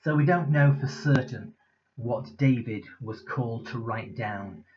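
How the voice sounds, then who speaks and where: A man giving a Sunday sermon, in a measured, conversational way. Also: medium pitch, crowd noise. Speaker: preacher. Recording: slightly dull lo-fi recording.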